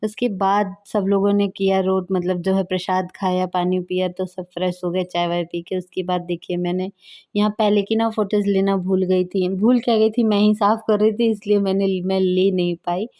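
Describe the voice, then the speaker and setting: A woman's voice: mid-range voice, flat delivery, moderate pace, warm tone. A young adult woman narrating her home vlog in a chatty, homely way. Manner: chatty, homely, with many fillers. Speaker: vlogger. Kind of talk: casual vlog voice-over narration.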